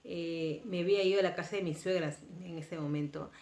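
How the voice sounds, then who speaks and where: A woman from Peru, telling a personal story to camera in an earnest, emotional way, her volume swinging between soft and intense. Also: on the low side, steady tone, brisk. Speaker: vlogger. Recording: roomy echoing room.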